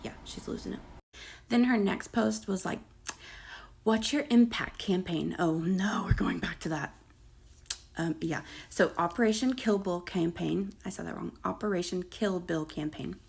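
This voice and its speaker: A commentary creator who is losing her voice reads posts aloud in a casual gossip commentary, adding sarcastic, mocking asides. Her voice is lowish, a little mellow, creaky and gravelly, at a measured pace.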